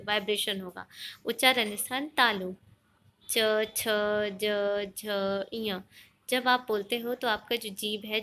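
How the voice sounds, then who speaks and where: A woman's voice: fairly high pitch, a bit bright. A woman teaching an online grammar lesson, explaining step by step, asking the class questions and mixing in English words.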